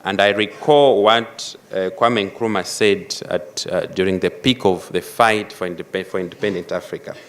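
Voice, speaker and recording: A man giving a formal panel address, measured and emphatic, stressing key phrases as he goes. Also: sits low, steady tone. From Malawi. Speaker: panel speaker.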